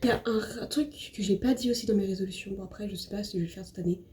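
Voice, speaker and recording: Chatty young French woman, mellow voice. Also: mid-range voice, rapid-fire. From France. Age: young adult. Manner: chatty, rambling, self-deprecating, with many fillers and restarts. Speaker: vlogger. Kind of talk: casual chat while doing makeup. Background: soft background music.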